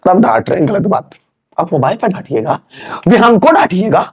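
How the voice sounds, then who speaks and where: A man's voice: high voice, lively intonation, brisk, husky, full character voice. A man voicing a schoolboy who whines and repeats his complaints about being scolded. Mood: whining. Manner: whining, repeating himself. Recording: dull lo-fi sound.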